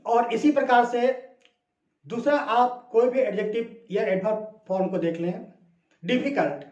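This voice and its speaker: Slow, high-voiced male tutor in a roomy room. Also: a little mellow, dull audio. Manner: slow and deliberate, repeats example words, asks questions to listeners. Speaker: English grammar tutor. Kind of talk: classroom-style grammar lesson.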